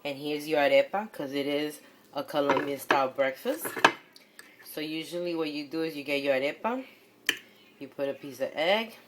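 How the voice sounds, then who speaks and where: A woman whose voice sits low talks at a moderate pace during a casual, chatty cooking demonstration at her stove at home. She encourages viewers and keeps repeating short phrases as she cooks, while the noisy kitchen clatters with sizzling, stirring and clinking pans.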